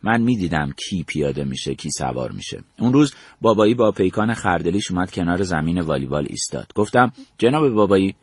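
Older man telling a memoir, husky voice. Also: low-pitched, big pitch swings, darkish tone, dry recording, studio quality. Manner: storytelling, acts out quoted dialogue with raised voice. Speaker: narrator recounting memories. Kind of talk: spoken memoir narration.

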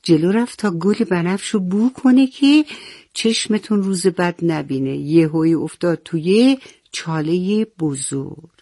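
Children's story narration, gravelly voice, dry close sound, talks to the kids with questions. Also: mid-range voice, warm tone, dry recording. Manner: speaks directly to children with questions.

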